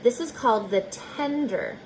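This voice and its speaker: The audio is poor, with a little hiss or hum, as a woman teacher with a fairly high voice reads a children's book aloud. She reads expressively and deliberately at a slow pace, stopping for chatty remarks to her young listeners.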